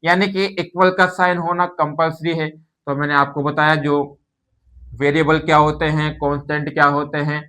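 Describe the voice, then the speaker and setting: Patient man teaching maths, higher voice. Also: level tone, normal speed, bright, forceful tone, clean tone. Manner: explains patiently, often asks and answers his own questions. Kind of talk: classroom-style maths lesson.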